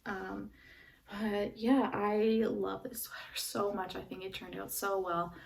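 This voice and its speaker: A woman's voice: mid-range voice, flat delivery, slow, gravelly, far from the mic. A woman vlogging casually about her knitting, rambling with lots of fillers and sounding stuffy from a runny nose. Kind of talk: casual show-and-tell chat.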